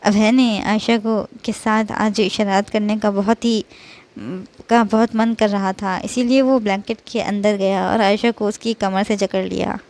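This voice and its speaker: A woman's voice: medium pitch, fairly even intonation, a little slow, darkish tone. A woman narrating a romance audiobook, reading expressively and often restarting her phrases.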